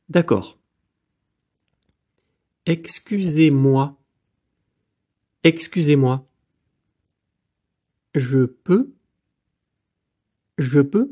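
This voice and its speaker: Brief: French-accented man, pronunciation drill, very slow and a little husky. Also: mid-range voice. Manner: says each word twice, clearly spaced. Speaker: native pronunciation speaker.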